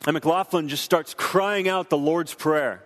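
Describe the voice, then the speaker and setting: Man, young adult, earnest preacherly film commentary, slightly raised pitch, echoing hall. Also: unhurried, a bit bright. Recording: long hall reverb.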